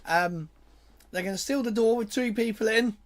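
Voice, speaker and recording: A woman's voice: fairly high pitch, moderate pace. A woman giving casual, informal commentary as a livestream host. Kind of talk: casual live stream commentary.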